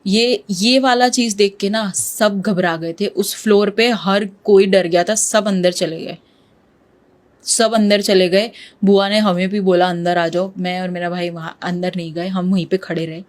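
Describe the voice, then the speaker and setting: A woman's voice: mid-range voice, fairly even intonation, a little slow. A woman guest in an interview, telling a true ghost story in a vivid way and slipping English words into her Hindi. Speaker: podcast guest.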